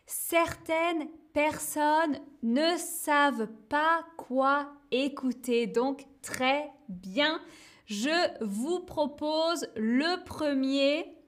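A woman teaching learners, speaking slowly and deliberately, repeating words and tagging phrases with little fillers. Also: high voice. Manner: slow and deliberate, repeats words, frequent "hein" and "euh". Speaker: French teacher. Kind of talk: slow learner-friendly explanation.

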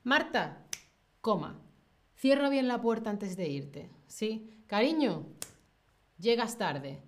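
A woman's voice: medium pitch, big pitch swings, slow, a little mellow. A woman teaching a live grammar lesson, often checking in with listeners and acting out example phrases in a raised voice. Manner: checks in constantly with rhetorical "¿sí?" and "¿vale?". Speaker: Spanish teacher.

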